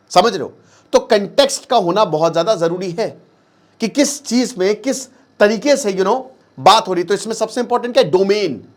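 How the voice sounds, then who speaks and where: A man with a fairly high-pitched voice explains a lesson in a relaxed, chatty way. He mixes English terms into his speech and keeps checking that the listener is following. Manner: conversational, checks in with the listener often. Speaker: teacher.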